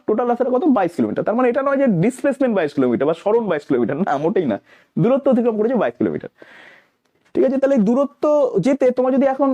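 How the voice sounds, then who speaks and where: A man's voice: high-pitched, dark tone. A male physics teacher, lecturing emphatically and answering his own questions as he explains. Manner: mixes English terms into explanations.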